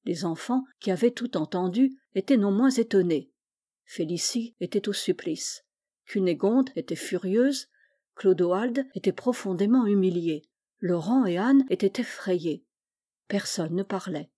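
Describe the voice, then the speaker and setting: A woman reads a classic children's novel aloud in a clear, measured way. Her voice is mellow and warm, and her pitch is moderate. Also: animated. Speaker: audiobook reader. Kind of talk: storybook narration.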